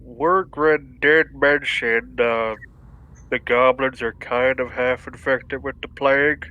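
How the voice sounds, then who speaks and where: A man's voice: medium pitch, steady tone, slow pace, phone-quality sound. A man playing a tabletop game, speaking in a matter-of-fact way. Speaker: player.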